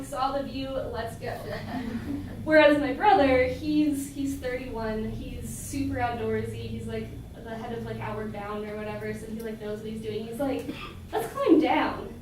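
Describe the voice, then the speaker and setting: A young woman with a somewhat high voice tells a personal story on stage, chatty and full of fillers, laughing often. Her voice comes from a distance in a very echoey hall. There is clear room noise behind her. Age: young adult.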